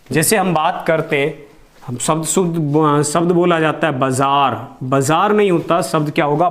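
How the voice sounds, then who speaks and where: A man teaching a spelling lesson, who asks questions to the class and answers them himself, drawing out each example word. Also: on the high side. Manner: slow and deliberate, drawing out example words. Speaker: Hindi teacher.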